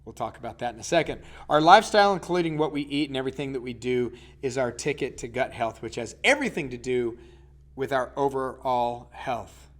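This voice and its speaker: A man's voice: mid-range voice, fairly quick. A man, teaching a casual health lesson as a coach and putting questions to his listeners. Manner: chatty, asks the listener questions.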